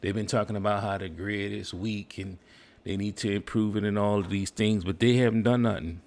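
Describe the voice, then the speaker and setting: A man's voice: lowish voice, fairly even intonation, a little fast, creaky, darkish tone. A man giving informal preaching commentary, emphatic and repeating his phrases. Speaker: host, religious commentator.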